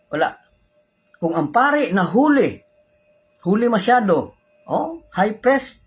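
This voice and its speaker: A man's voice: extremely high pitch, slightly rough, low-quality recording. A Filipino man with a Filipino accent, teaching religious law in a casual way, switching between Tagalog and English, using polite particles and asking rhetorical questions. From Philippines.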